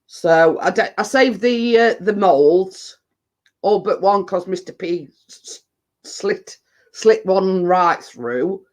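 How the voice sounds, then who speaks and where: A high-pitched man who takes it slowly, speaking with a Yorkshire accent. This livestream host, recovering from a cold and chest infection, is chesty and blocked up, and his casual chat to live viewers rambles along in heavy dialect.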